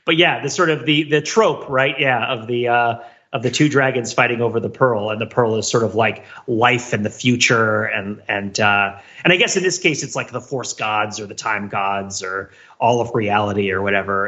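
A podcast co-host with a lowish, sharp-toned voice talks through ideas in a casual, analytical way, thinking aloud in long stretches and often asking "right?". The audio has its highs cut off.

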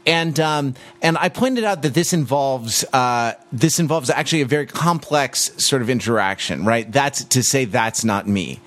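A man co-hosting a podcast in casual chat, measured and explanatory, often restarting his sentences. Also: medium pitch. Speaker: podcast co-host.

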